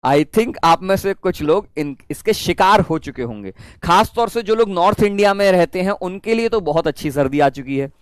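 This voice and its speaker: Young man, physics teacher, high voice, dry close mic, chatty, mimics students. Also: animated, moderate pace, hardly any pauses, clear, resonant tone, no room sound. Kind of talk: online class pep talk.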